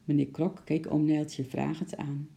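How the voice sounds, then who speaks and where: A reader narrating a children's storybook aloud in a calm, even way. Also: medium pitch, a little slow, creaky.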